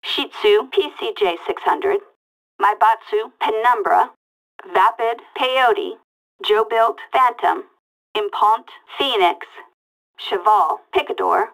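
Short scanner callouts of vehicle makes and models come from an actress cast as a female police dispatcher in a video game, filtered like a police radio. Her voice is mid-range, fairly bright, and slow with some vocal fry, delivered word by word in a flat, detached, procedural way. The recording quality is low.

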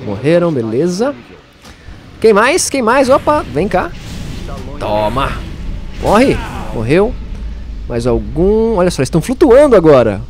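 A man's voice: mid-range voice, a little mellow. A man giving casual gameplay commentary, playfully taunting enemies and laughing often. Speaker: let's play host.

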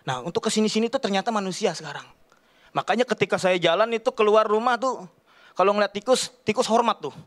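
A man from Kalimantan, in his thirties, performing stand-up on a television studio stage. His voice sits high for a man, and he talks in an animated, rambling way, full of casual slang. He speaks into a handheld mic. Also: quick pace. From Kalimantan, Indonesia. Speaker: stand-up comedian. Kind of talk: stand-up comedy set. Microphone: handheld microphone.

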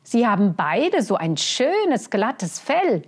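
A woman's voice: fairly high pitch, big pitch swings, slow, breathy edge, voice pushed up, full character voice. A woman reading a children's picture book, voicing a smug, needling, gossipy crow.

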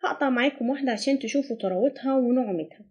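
A woman's voice: sits high, a little mellow, highs cut off. A woman with an Egyptian Arabic accent narrating a recipe step by step as a cooking channel host. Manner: brisk step-by-step instructions.

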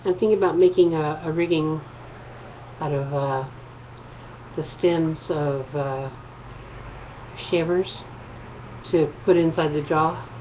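A woman's voice: deep voice, steady tone, slow pace, long pauses, a little hiss or hum. A woman casually showing her fursuit work in a vlog, speaking through a costume head and rambling with hesitant fillers. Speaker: fursuit maker. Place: Phoenix. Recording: muffled lo-fi home recording.

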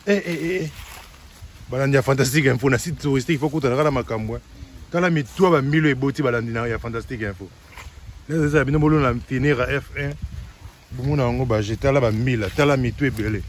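A Congolese man guides viewers through a leafy park, speaking with eager enthusiasm. His voice sits at a middle pitch. A faint hum of the outdoors and animals stays behind him. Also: quick pace. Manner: enthusiastic, mixing Lingala and French. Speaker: vlogger touring a tourist site. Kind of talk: walking tour commentary.

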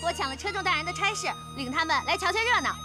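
A woman's voice: very high-pitched, expressive, very fast, over music. An actress playing a bold, playful young mountain village girl in a historical TV drama. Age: young adult. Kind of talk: television historical drama dialogue.

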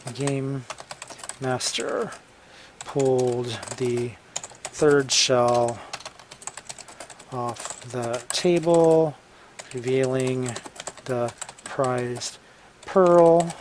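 A writer dictating a story draft while typing, halting often to revise the wording. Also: mid-range voice, steady tone, darkish tone, slight background noise. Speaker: novelist writing a draft live. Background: computer keyboard typing.

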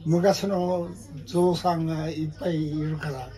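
A man's voice: fairly high pitch, level tone, a little slow, dark tone, low-quality recording. Old man, nineties, folksy plain speech, casual conversation, small living room. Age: 90s. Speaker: interviewee. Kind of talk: casual chat. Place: small Japanese living room, indoors, seated at a table.

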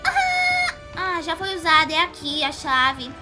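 A woman voicing a bubbly, excitable young female cartoon pony while giving squealy, exclamatory gameplay commentary. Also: very high-pitched, slow pace, heavily acted. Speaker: gaming youtuber. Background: game music playing clearly.

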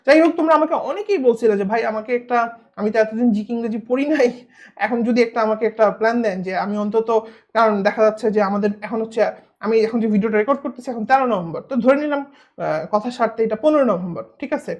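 Fast-talking tutor man. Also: extremely high pitch. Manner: blunt, teasing, keeps asking "right?". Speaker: admission test tutor. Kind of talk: casual video lecture.

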